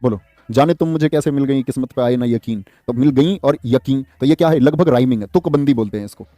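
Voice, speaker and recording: Lively teacher quizzing his class. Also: medium pitch, a little fast, dry recording. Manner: lively, quizzing students, reading out their comments. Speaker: Hindi exam-prep teacher. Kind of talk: live online class.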